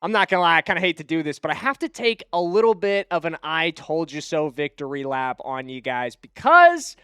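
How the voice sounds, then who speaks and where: A man's voice: on the high side, very animated, brisk, bright, forceful tone, smooth, no room sound, studio quality. A young man hosting a football news show, talking with enthusiastic, emphatic fan energy. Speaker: sports podcast host.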